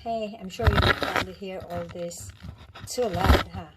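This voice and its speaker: A woman's voice: medium pitch, fairly even intonation, moderate pace. Woman from the Philippines, home cook vlogger, chatty and rambling, kitchen with a noisy recording. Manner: chatty, rambling, with many restarts and fillers. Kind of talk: casual cooking demonstration.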